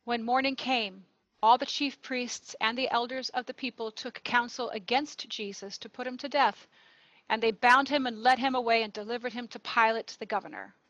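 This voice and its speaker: A woman narrating a gospel reading in a church service, clear and measured. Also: a little high, steady tone, a bit bright, no echo, highs cut off. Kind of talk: liturgical scripture reading.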